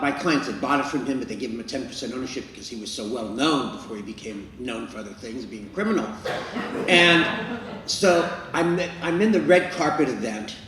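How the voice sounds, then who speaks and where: Man in his sixties, storyteller at an improv show, mid pitch, picked up far off in an echoey room. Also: fairly bright tone. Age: 60s. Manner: chatty anecdotal storytelling, acts out quotes. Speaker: improv performer telling a true story. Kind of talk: storytelling monologue. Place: improv venue. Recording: echoey room, mic far off, faint noise.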